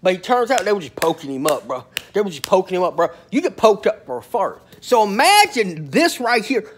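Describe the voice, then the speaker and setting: A man telling comic prison stories in a slangy, animated way, swinging between loud and soft. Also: high voice, brisk, a little hiss or hum. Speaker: storyteller about prison life. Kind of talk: comedic storytelling monologue.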